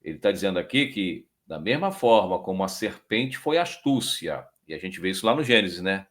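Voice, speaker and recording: A man with a Brazilian Portuguese accent teaching from the Bible as a program host, talking conversationally and slowing down to read scripture. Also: sits low, sing-song, a bit bright. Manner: conversational, frequent tag questions, slows down to read scripture.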